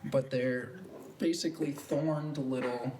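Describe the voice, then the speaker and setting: A man narrating as game master of a tabletop game, describing monsters in a relaxed, chuckling way. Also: medium pitch, slow. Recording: roomy, distant mic, faint noise.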